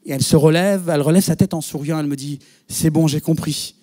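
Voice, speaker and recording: High-voiced man preaching a storytelling sermon. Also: quick pace. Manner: animated storyteller, quotes others in dialogue. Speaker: pastor. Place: church.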